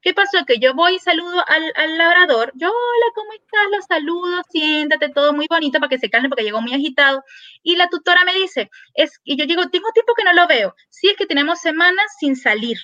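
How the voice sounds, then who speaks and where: High bright-voiced woman telling a story. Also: a little fast, no room sound, dull audio. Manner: animated, acts out dialogue in quoted voices. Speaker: veterinarian guest. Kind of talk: casual podcast storytelling.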